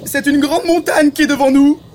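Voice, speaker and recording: A shrill, excitable little blackbird. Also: male voice, moderate pace, slight background noise. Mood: excited. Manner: shrill, calling out.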